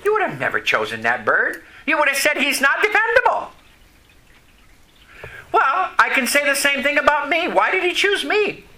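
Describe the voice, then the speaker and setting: His very high voice swoops wildly in pitch and has a pushed, bright quality as he preaches a folksy sermon. Raised in Vermont, USA, with French as his first language, he leaves pauses between phrases and often asks the congregation questions.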